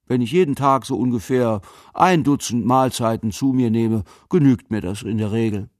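A man voicing a kindly, whimsical, lonely old man in an audiobook, speaking in a gentle, musing, teasing manner. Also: mid-range voice, normal speed, no echo, clean studio sound, lightly acted. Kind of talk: audiobook character voice.

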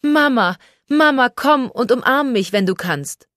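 A woman's voice: mid-range voice, normal speed, dry recording, clean studio sound, voice pushed up, lightly acted. A woman reading aloud, voicing a joyful young pregnant woman who comes home eagerly and pleads with her mother. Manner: bright, excited and pleading.

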